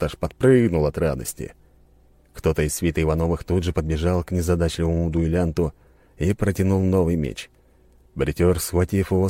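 Deep-voiced male audiobook narrator. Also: dry recording. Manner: expressive storytelling. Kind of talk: first-person fantasy audiobook narration.

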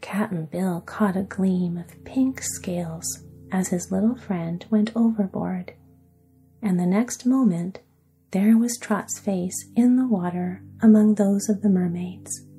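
A woman narrating a sleep story in a soft, hushed, soothing whisper. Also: mid-range voice, slow pace, soft background music.

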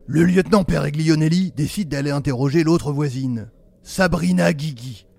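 Gravelly man narrating a mock crime tale. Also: on the high side, moderate pace, dark tone, a little hiss or hum. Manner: solemn parody of a crime documentary. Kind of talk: mock-dramatic narration in a comedy podcast.

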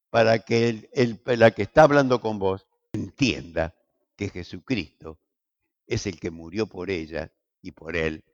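An older man with a Rioplatense Spanish accent, a pastor giving an animated, joking sermon full of rhetorical questions. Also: on the low side.

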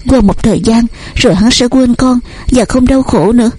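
A woman's voice: a little high, normal speed, darkish tone, slightly rough. Woman voicing a tearful frightened young daughter. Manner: pleading, sobbing.

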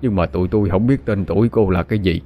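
A man's voice: low voice, fast, narrow, tinny audio. A man with a Southern Vietnamese accent voicing a kind middle-aged village husband, speaking humbly and earnestly with hesitant fillers.

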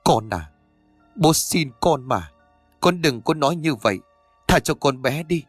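A man's voice: on the high side, lively intonation, measured pace, slightly rough, dry recording. A guilt-ridden father from an audio ghost story, humble and apologetic, begging for forgiveness, as a male narrator plays him. Dry, close voice over faint music. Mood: pleading.

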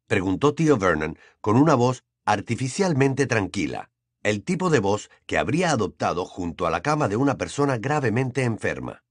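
A man narrating an audiobook in an expressive storytelling manner. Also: on the low side, normal speed, no echo, clean studio sound. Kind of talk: scripted narration.

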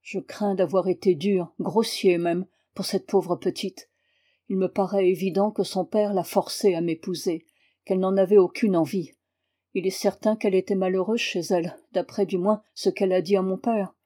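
Brief: awkward earnest young gentleman from a read-aloud novel, a woman narrator doing him. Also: mid-range voice, steady tone, moderate pace, lightly acted.

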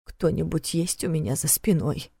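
Woman voicing scared young man, hushed, wary, low tone, dry sound. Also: normal speed, husky, dry recording.

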